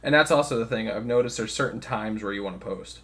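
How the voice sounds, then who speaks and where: A man's voice: fairly low pitch, quick pace, a bit bright. A young man co-hosting a podcast, talking loosely in casual chat, swearing freely and laughing often. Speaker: podcast co-host.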